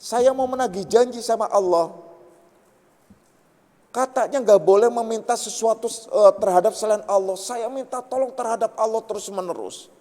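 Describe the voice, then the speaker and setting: A man's voice: high-pitched, normal speed, dark tone, in a large hall, voice pushed up, close to an everyday voice. A man voicing a stubborn drowned man who insists on his case to the angels. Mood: indignant. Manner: indignant, insistent pleading.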